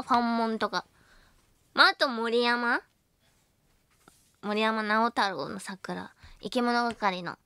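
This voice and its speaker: Young female late-night radio host, high and dry-miked, playful and giggly. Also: a bit bright, dry recording. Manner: playful, giggly, self-teasing banter; acts out both sides of a mock argument. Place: radio studio. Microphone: studio microphone.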